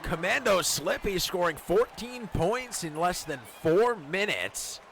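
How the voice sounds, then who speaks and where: A male football play-by-play announcer with a gravelly edge and an unhurried, measured pace. His delivery is dramatic and emphatic, with clear noise behind him. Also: high voice, lively intonation, fairly bright tone. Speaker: play-by-play commentator of a football video game league stream. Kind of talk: American football play-by-play commentary.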